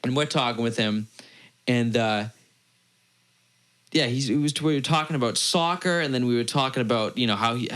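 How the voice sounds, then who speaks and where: A young man from Massachusetts tells a long bar story on a casual podcast, at a middling pitch. He rambles and backtracks, restarts his sentences, and briefly takes on the voices of the people in it. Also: moderate pace, long pauses, fairly bright tone, clear, resonant tone. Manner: rambling, self-correcting storyteller who acts out quoted voices. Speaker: podcast co-host.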